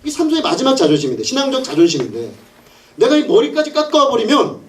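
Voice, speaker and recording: A male pastor preaching an animated sermon, telling the story with laughs and acted-out scenes. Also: very high-pitched, quick pace, distant mic.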